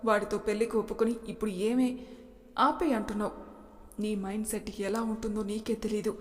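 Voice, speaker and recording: A woman's voice: mid-range voice, steady tone, fairly quick, close to an everyday voice. A woman voicing an angry, mocking young man who later turns tender, recorded with a long reverb. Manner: sharp, mocking, then tender.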